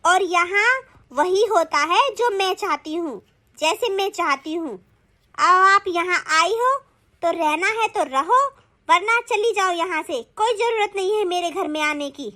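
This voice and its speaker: A woman's voice: extremely high pitch, unhurried, sharp tone, exaggerated voice. A woman voicing a bossy, scolding cartoon sister-in-law. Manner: scolding, taunting. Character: domineering, sharp-tongued woman, the sister-in-law. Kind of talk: Hindi cartoon voice acting.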